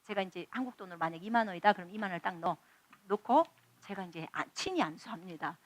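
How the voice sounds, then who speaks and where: A woman's voice: fairly low pitch, expressive, quick pace. A woman missionary preaching a testimony sermon, telling stories and acting out dialogue with animation.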